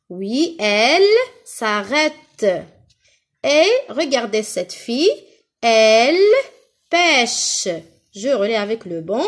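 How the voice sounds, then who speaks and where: A woman giving a reading lesson for young children, slowly and clearly articulating words and repeating them for pupils to follow. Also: sits high. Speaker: primary school teacher.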